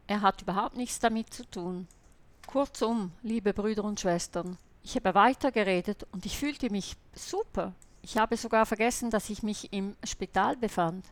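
A woman's voice: medium pitch, no room sound. A woman giving an earnest, fervent personal faith testimony as a lay preacher, speaking directly to her listeners as brothers and sisters.

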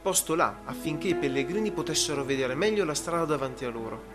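A man narrating a story in a steady, measured way. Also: fairly high pitch. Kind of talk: scripted narration. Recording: music playing behind.

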